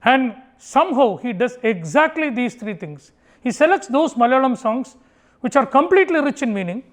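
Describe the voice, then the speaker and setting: A man from Kerala with a very high-pitched voice and an Indian English accent gives a conversational motivational talk to an audience in an auditorium at a moderate pace. His first language is Tamil, and he animatedly acts out family dialogue in it.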